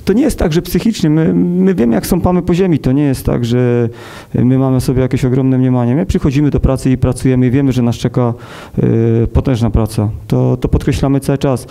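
A man in his thirties, a football coach, talking at a post-match press conference in a measured, hesitant way with many fillers, into a table mic. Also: medium pitch, vocal fry, warm tone. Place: press conference room with sponsor wall.

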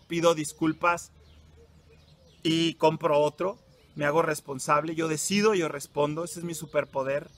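A man's voice: fairly high pitch, fairly bright tone. A young Mexican man, a psychologist, giving an emphatic motivational talk to teenagers and putting direct questions to them. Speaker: psychologist and workshop leader.

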